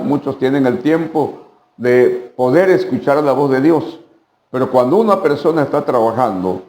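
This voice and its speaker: A man's voice: fairly high pitch, warm tone, roomy sound. A man with a Mexican Spanish accent preaching a midweek sermon as pastor, asking rhetorical questions and repeating phrases for emphasis.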